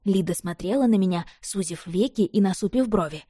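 Woman narrating a story, mellow voice. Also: mid-range voice, brisk, breathy edge, no echo, clean studio sound. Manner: expressive first-person storytelling. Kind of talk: audiobook narration.

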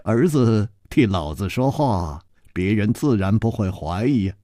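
A male storyteller voicing a composed, wry male hero who speaks low and measured with soft sighs. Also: expressive, no room sound, studio quality.

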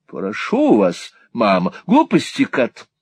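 A man's voice: mid-range voice, big pitch swings, a little slow, husky, no room sound, pitched above the performer's own voice. A man voicing a fussy, vain middle-aged mother who sounds indignant and plaintive, in an audiobook reading. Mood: whiny. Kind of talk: audiobook character voice.

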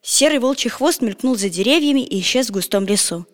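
A woman narrating a children's storybook in an expressive, animated way. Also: a little high, fairly quick. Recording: long echoing reverb.

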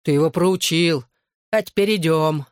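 A reader as a relaxed, joking young man who keeps things light. The voice sits near the plain narration, recorded dry and close. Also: medium pitch, moderate pace, no echo, lightly acted. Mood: cheerful. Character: cheerful easygoing young male friend.

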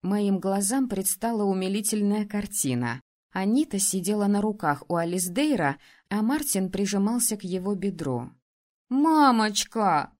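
A woman reading a first-person story aloud, with a voice pitched at an ordinary middle height. She keeps an expressive but steady narrating pace through the plain story passages. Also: normal speed. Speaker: audiobook narrator.

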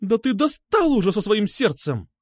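A man reading an audiobook and voicing a scornful young woman who shouts in shrill exasperation. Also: wildly swooping pitch, measured pace, dry recording, clean studio sound, heavily acted. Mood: furious. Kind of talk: audiobook character voice.

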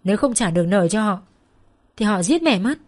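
Voicing a mother in debt within a spoken story, a woman tearfully begs her daughter for help in a pleading, desperate tone. Her natural, darkish voice is medium-pitched, animated and brisk.

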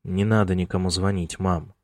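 A man's voice: sits low, little pitch movement, no echo, studio quality, natural voice. A male narrator voicing a tired, irritated young man who answers his mother curtly in an audiobook. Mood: weary. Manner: weary, curt and slow.

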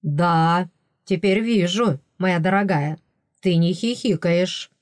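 A woman reading an audiobook, voicing a calm, teasing young male crown prince in a slow, measured, dryly ironic way. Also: on the low side, no echo, studio quality. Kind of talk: audiobook character voice.

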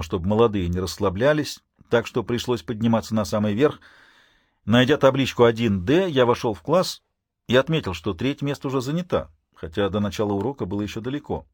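A man's voice: fairly low pitch, darkish tone, no echo. Man narrating with dry irony. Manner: dry, ironic asides. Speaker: audiobook narrator. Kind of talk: first-person audiobook narration.

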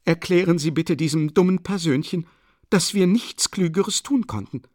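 A man reading an audiobook, voicing a breathless, coughing, impoverished mother who talks in shrill, hasty pleas and scolding. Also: normal speed, a little mellow, no echo, clean studio sound, natural voice. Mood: frantic, pleading. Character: frantic impoverished widowed mother, consumptive woman. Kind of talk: audiobook character voice.

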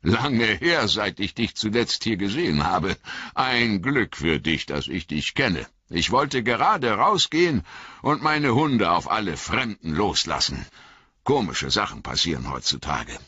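A man voicing a gruff, hearty male hobbit farmer in an audiobook, speaking in a booming, blustery, rustic way. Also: sing-song, unhurried, bright, forceful tone, dry recording, lo-fi sound, full character voice.

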